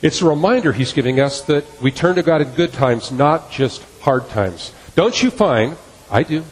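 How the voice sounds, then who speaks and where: A middle-aged pastor preaches a sermon in a church sanctuary, earnestly repeating key phrases for emphasis. His mid-range voice is husky and a little mellow, and the recording carries the long reverb of a church hall.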